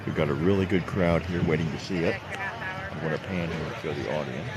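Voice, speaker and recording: A man's voice: extremely low pitch, a little fast. A man filming a livestream at an outdoor festival, chatting to his online viewers. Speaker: livestream camera operator. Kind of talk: casual livestream narration. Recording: loud outdoor crowd noise.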